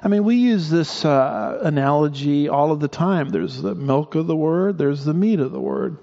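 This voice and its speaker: Slightly high-voiced male pastor preaching. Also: lively intonation, moderate pace, vocal fry, warm tone, highs cut off. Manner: conversational preaching with asides and restarts. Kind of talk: sermon.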